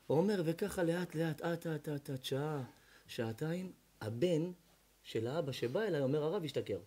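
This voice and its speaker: High-voiced rabbi telling a dramatic story. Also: male voice, breathy edge. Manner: dramatic, voicing characters in the tales with big swings in loudness. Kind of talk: storytelling sermon. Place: evening lecture before an audience.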